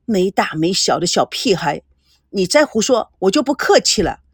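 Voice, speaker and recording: A woman's voice: medium pitch, sing-song, normal speed, husky, dry recording, clean studio sound. A woman voicing an exasperated young man in an audio story, curt and irritated.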